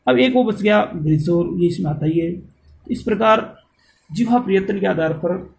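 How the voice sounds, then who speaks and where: High-voiced man teaching grammar. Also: vocal fry. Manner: slow, repeats terms and counts items aloud. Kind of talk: grammar lesson.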